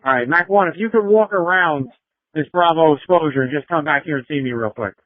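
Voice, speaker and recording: A man's voice: on the high side, brisk, dry recording. A man working as a fire officer, giving clipped orders in fireground traffic over a two-way radio. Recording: tinny narrow-band fire radio.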